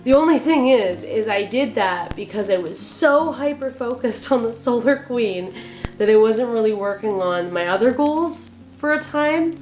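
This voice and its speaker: Woman, sick raspy growly voice, chatty vlog talk, mid pitch, echoey room. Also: a little mellow. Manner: chatty, rambling, self-correcting. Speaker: author and vlogger. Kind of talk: casual writing vlog talk.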